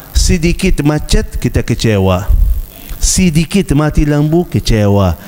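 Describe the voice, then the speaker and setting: A man's voice: medium pitch, darkish tone. A man preaching a sermon, telling stories dramatically and acting out cries and voices. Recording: long hall reverb.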